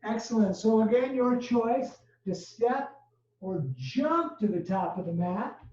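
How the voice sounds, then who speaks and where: A yoga teacher with a mellow, soft-edged voice talks a class through each pose and breath in short, steady cues. The sound is dull and lo-fi, picked up from a distance in an echoey studio room. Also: mid-range voice, measured pace. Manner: steady step-by-step cueing of poses and breath. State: a little out of breath. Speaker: yoga instructor. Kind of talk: live yoga class instruction. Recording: dull, roomy sound from far off.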